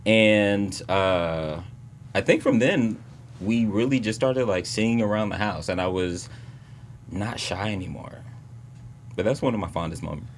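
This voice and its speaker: A man's voice: fairly low pitch, lively intonation, measured pace, a little hiss or hum. A man co-hosting a podcast, telling a childhood story in casual chat and laughing often. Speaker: podcast co-host.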